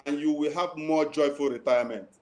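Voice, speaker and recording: A man's voice: on the high side, a little fast, a little hiss or hum. Earnest man giving advice. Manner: earnest, pleading, repeats key advice. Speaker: guest financial advisor. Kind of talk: advice in a live online interview.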